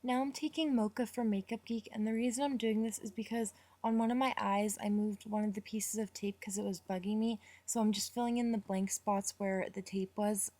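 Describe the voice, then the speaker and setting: A young woman talking casually through her makeup routine in a voice-over, chatty and rambling, with fillers and quick apologies. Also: mid-range voice, fairly even intonation, mellow, dry recording. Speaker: makeup vlogger.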